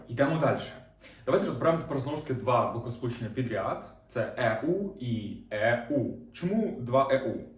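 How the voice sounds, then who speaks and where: A man teaching a beginner language lesson, explaining reading rules patiently and repeating example words slowly. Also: medium pitch, recorded from a distance. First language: Ukrainian. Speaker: German teacher. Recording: roomy, off-mic sound.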